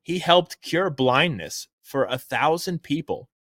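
A man's voice: on the high side, very animated, slow, a bit bright, dry recording, clean studio sound. A man hosting a comedic political news show, giving opinionated commentary in a punchy, jokey way. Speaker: show host.

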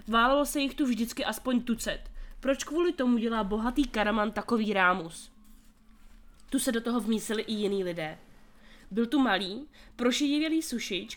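Female narrator, slightly high voice, reads a children's story aloud and punches the characters' shouts hard. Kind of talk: audiobook reading of a children's novel.

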